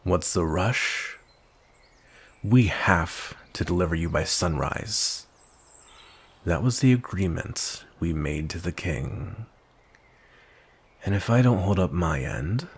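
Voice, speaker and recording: A deep-voiced man takes the role of a cold, grumpy vampire knight who commands rather than asks, in an ASMR roleplay. He sounds husky and gravelly, keeping his words stern and measured.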